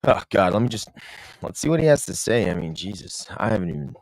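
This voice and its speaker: A man's voice: low voice, very animated, quick pace, creaky, no echo, rough recording. A young man hosting a casual stream, rambling with restarts and mocking a clip he is watching. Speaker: streamer host.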